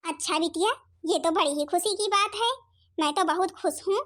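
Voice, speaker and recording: A woman's voice: very high-pitched, moderate pace, a bit bright. A woman voicing a stingy, scolding older mother-in-law in a cartoon comedy, nagging constantly. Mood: pleased.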